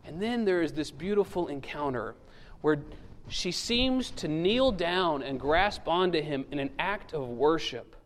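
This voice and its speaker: Unhurried yet rarely pausing, a pastor with a fairly high voice and lively intonation preaches his sermon. He tells the story humorously and voices its characters, his words ringing in the long reverb of a large hall.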